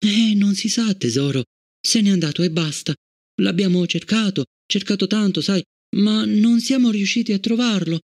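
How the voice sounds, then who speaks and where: Un uomo che dà voce a una madre rigida e fredda in un racconto letto, dal tono deciso e un po' acuto. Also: male voice, high-pitched, normal speed, voice pushed up. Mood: soothing. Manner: firm and cold. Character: stern, proud middle-aged mother.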